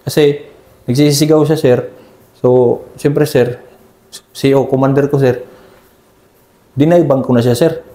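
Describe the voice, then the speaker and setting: A mellow-voiced man recounts combat memories in a respectful, unhurried way. He tacks "sir" onto almost every phrase. The sound carries a roomy echo. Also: medium pitch, fairly even intonation. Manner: deferential, ends nearly every phrase with "sir". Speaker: army scout ranger team leader. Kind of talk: conversational war story interview.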